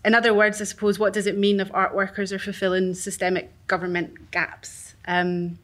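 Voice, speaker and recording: A woman with a Glasgow accent reading a prepared statement aloud as a panel speaker from an arts organisation, pacing herself deliberately. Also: medium pitch, level tone, a bit bright. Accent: Glaswegian. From Glasgow, Scotland. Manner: deliberately paced for interpreters.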